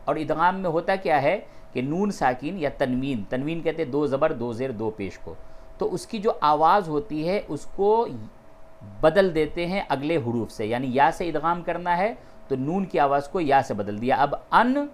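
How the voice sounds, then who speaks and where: A man teaching Quran recitation rules step by step, patiently explaining and repeating key terms between slow, drawn-out recited phrases. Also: on the high side, lively intonation, slight background noise. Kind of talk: step-by-step tajweed lesson.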